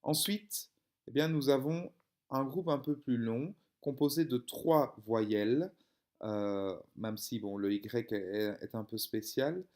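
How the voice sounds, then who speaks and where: A man's voice: medium pitch, slow pace, a little mellow. A young man, explaining a reading lesson step by step, with frequent hesitations and fillers. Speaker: teacher.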